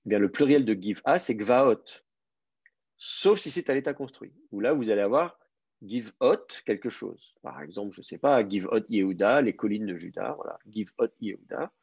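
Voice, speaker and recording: A man teaching Hebrew in an online class, explaining patiently and repeating key words slowly. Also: on the low side, expressive, gravelly, darkish tone, husky, no room sound, dull audio.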